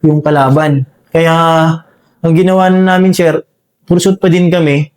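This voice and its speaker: A man recounts a firefight in a halting, deferential way, peppering nearly every phrase with fillers and a respectful "sir". His voice sits a little high and stays fairly flat and even throughout. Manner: halting, full of fillers, says "sir" constantly. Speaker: soldier recounting a combat encounter. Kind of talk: spoken war story in an interview.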